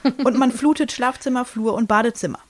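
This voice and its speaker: A woman's voice: on the high side, a little fast. A woman in her thirties chatting casually on a podcast, telling a personal story with many fillers and restarts and acting out what people said. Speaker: podcast co-host.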